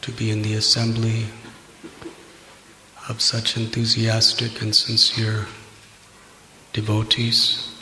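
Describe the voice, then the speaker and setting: A man giving a devotional address as a visiting preacher, speaking solemnly in short, measured phrases left open for an interpreter. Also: lowish voice, monotone, pushed and bright. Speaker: visiting Hare Krishna preacher. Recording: echoey reverberant hall, noisy.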